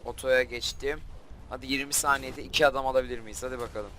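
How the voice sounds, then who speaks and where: A young man talks over his own gameplay at a middle pitch, the voice of a channel host chatting to viewers. He gets frustrated fast and breaks into exasperated shouts. A light noise sits under the recording. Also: steady tone. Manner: frustrated, quick to flare up and shout at the game. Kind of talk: gameplay commentary.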